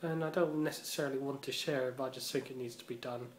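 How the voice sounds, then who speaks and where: A man talks casually to camera, rambling and profane, with a flat, level delivery that rarely rises or falls. His voice bounces around an echoey room, with a faint hum of ambience underneath. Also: medium pitch, quick pace. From Britain. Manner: rambling and profane, heavy on fillers. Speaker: vlogger. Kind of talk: casual vlog monologue.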